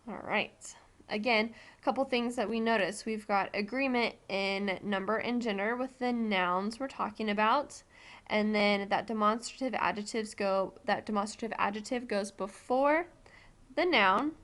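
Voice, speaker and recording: A woman's voice: medium pitch, moderate pace, a bit bright. An American woman Spanish teacher giving a recorded classroom lesson, explaining patiently step by step with frequent ums.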